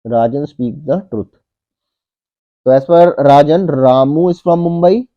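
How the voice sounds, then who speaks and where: Male tutor, 30s, slightly high voice, methodical step-by-step walkthrough, dull lo-fi webcam audio. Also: unhurried. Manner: methodical, repeats each step and says "okay" often. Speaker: online tutor. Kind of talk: whiteboard puzzle walkthrough.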